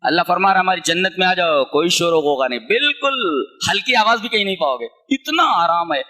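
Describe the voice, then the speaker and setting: Male preacher, high voice, bright and sharp, very lively pitch, rhetorical questions. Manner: animated preacher, rhetorical questions, quotes Arabic verses slowly. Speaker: Quran commentator. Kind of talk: Quran commentary lecture.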